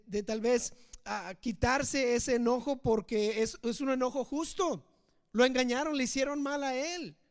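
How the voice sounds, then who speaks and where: A man's voice: very high voice, darkish tone. A man teaching from the Bible, telling the story casually and asking rhetorical questions. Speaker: preacher.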